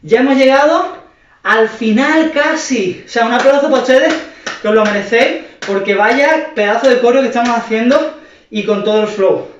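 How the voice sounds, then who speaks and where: A man's voice: extremely high pitch, normal speed, slight background noise. Dance teacher guy counting beats and going pam pam, far from the mic, big echoey room, kinda muffled. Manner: counts beats and sings the rhythm with sound words; encouraging, speaks to the class directly. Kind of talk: online dance class instruction.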